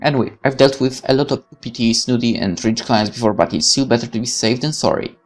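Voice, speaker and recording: With a rumbling low voice and quick delivery, a woman reads a visual novel aloud as a let's player while soft music plays behind her. She keeps breaking away from the game text for candid, opinionated asides, exclaiming often and swearing freely.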